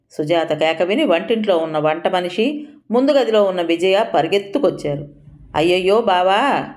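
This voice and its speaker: Measured woman narrator, lowish voice. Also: darkish tone. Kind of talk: scripted audio story narration.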